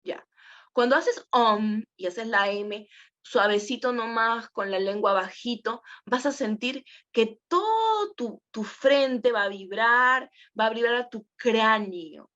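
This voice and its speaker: A woman's voice: on the high side, expressive, slow pace, fairly bright tone, highs cut off. A woman teaching a voice and presenting workshop in a conversational way, with many fillers and questions to the class. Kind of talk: spoken workshop lesson.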